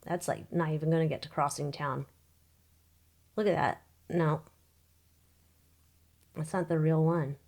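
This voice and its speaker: A woman giving an informal psychic tarot reading, thinking aloud in short, halting phrases and muttered questions. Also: low voice, steady tone, a little mellow.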